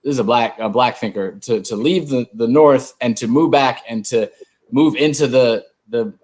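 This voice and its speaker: A man's voice: medium pitch, moderate pace, darkish tone. A man appearing as a guest in a casual discussion, speaking hesitantly with many restarts.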